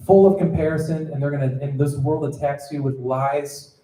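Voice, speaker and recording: This time he sounds a little high and dark-toned, with fairly even intonation at normal speed. Preaching to students in an echoey room, the youth pastor stays conversational, checks in, and acts out voices from his stories.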